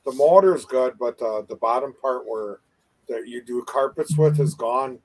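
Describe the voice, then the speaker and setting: A man's voice: mid-range voice, a little slow, poor audio. A middle-aged man co-hosting a live online show, chatting in an easygoing, rambling way with many uhs. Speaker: co-host of a live advocacy show. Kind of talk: casual chat.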